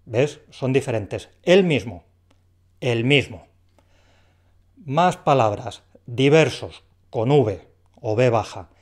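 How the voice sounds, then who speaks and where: Guy teaching spelling, clear and patient, asks questions then answers them, normal mid voice. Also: medium pitch, takes it slowly. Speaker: language teacher. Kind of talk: explaining a dictation lesson.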